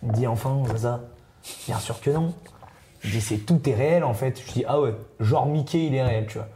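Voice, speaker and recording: A man's voice: mid-range voice, fairly quick, mellow. Slangy young man spinning a tale. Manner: slangy, many fillers and tags. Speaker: player. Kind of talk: casual storytelling.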